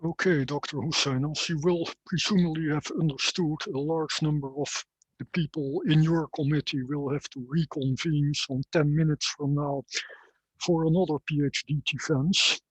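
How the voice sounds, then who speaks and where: Husky guy running a formal ceremony on a call, kinda higher voice, dry. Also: steady tone, dry recording, rough recording. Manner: measured, formal, lightly wry. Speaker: chair of a PhD ceremony. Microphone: video call.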